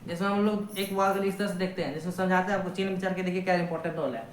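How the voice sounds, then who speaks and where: A man's voice: sits high, fairly even intonation. Man as a grammar teacher, chatty and questioning, roomy echo, faint hiss behind. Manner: explains step by step, asks the class questions; colloquial, folksy sayings, reads examples slowly. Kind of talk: online grammar lesson.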